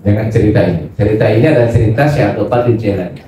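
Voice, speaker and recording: A man preaching a religious study talk in an animated way, acting out voices as he goes. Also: on the low side, very fast, a little hiss or hum. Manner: animated, acts out quoted voices. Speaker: Islamic preacher. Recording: echoey hall from far off.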